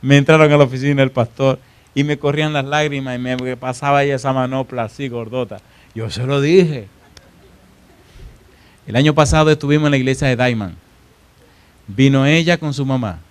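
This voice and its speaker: Dramatic preacher telling a story. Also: male voice, medium pitch, fairly even intonation, a little fast, clear, resonant tone. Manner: dramatic, swings between loud and hushed, asks the congregation. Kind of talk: evangelical sermon with storytelling. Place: church before a congregation.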